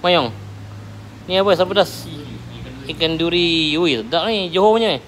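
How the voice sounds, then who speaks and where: A food vlogger with a Malaysian accent walks outside and inside a roadside cafe, giving casual commentary in a medium-pitched, fairly bright voice at normal speed. She asks questions inquisitively and repeats the answers back. The handheld recording is noisy, with cafe ambience.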